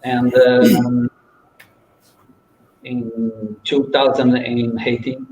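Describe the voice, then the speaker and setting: A man's voice: medium pitch, level tone, very slow, a little mellow. A man from Portugal who owns a restaurant, introducing himself on an online panel in a hesitant way with many restarts. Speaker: restaurant owner. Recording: distant, roomy, muffled with faint noise.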